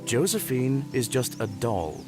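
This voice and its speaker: A man voicing a stern but gentle father in a video game, a rational man of science, lecturing earnestly and with measured words. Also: mid-range voice, sing-song, music in the background. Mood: apologetic, earnest. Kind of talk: dramatic video game voice acting.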